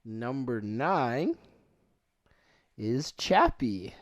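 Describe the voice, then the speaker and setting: A man co-hosting a movie podcast, talking loosely and haltingly with lots of fillers. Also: mid-range voice, sing-song. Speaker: podcast co-host. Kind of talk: casual movie review chat.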